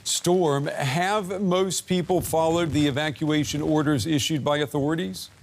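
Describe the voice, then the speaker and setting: A man presenting broadcast news as an anchor in a formal, measured style. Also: fairly high pitch, fairly even intonation, a little hiss or hum.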